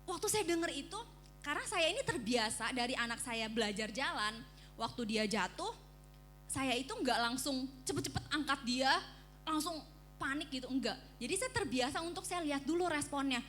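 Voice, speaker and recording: A woman preaching at a church service, telling a personal story in an animated way and acting out the screams in it. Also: sits high, normal speed, faint music behind.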